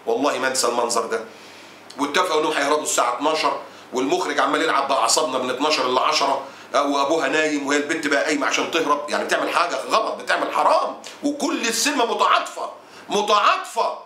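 A man's voice: on the high side, expressive, racing, sharp tone, a little hiss or hum. A man preaching a sermon with an Egyptian Arabic accent, in a fiery, indignant, scolding way. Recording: roomy echo.

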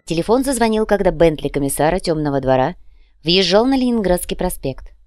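Low-voiced woman reading an audiobook. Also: lively intonation, fairly quick, darkish tone, soft background music. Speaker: audiobook narrator. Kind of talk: audiobook narration of urban fantasy.

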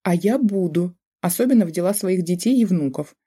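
An audiobook narrator voicing an indignant, scolding middle-aged mother, with a raised and exasperated delivery and a mellow tone. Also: mid-range voice, animated, fairly quick, slightly rough, voice pushed up.

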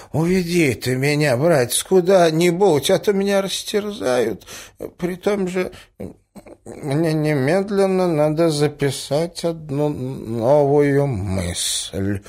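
A man's voice: on the high side, a little mellow, voice pushed up. Man doing a muddled old prince. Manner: rambling, vague, flustered.

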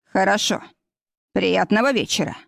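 Here is a proud, jealous man who speaks slowly and with a cold threat underneath, as a woman narrator reads him. The voice sits at her ordinary pitch, dry and close in a storybook recording. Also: vocal fry, no room sound. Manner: slow, menacing.

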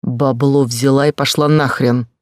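A man voicing a cynical young male hustler, speaking in a low, husky, menacing half-whisper. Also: steady tone, a little slow, dry recording, clean studio sound, natural voice. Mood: contemptuous.

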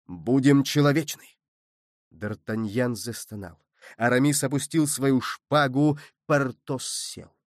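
A man reading an audiobook as narrator, in measured, steady storytelling from a close mic. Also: mid-range voice, no room sound. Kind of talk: scripted narration.

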